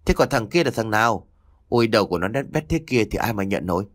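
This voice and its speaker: A shaken village man blurts out rapid, rattled exclamations, as a male narrator puts him on. His voice climbs a little higher than the storyteller's own. It is close and dry with no room sound. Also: lively intonation, no room sound. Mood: shocked. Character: frightened village man identifying a corpse.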